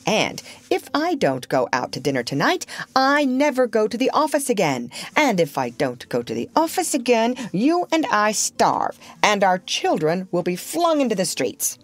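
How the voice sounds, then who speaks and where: A woman's voice: fairly high pitch, very animated, measured pace, voice pushed up. A woman reading a story aloud and voicing a blustering, self-pitying Edwardian father who turns sarcastic when exasperated. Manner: theatrical, sarcastic, yelling in exasperation.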